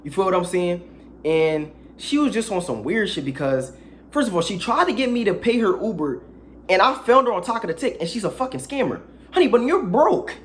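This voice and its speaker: A man's voice: sits high, brisk. Young philly guy telling a crude story, voice jumping all over, bit of hiss behind. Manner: animated, crude, slangy storytelling with dramatic asides. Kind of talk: casual storytime vlog.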